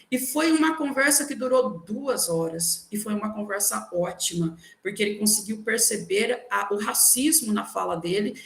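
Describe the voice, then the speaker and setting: A woman's voice: mid-range voice, creaky. A Brazilian woman teacher speaking on a video call, explaining patiently and with emphasis. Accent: Brazilian Portuguese. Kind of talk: online workshop talk. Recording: echoey room.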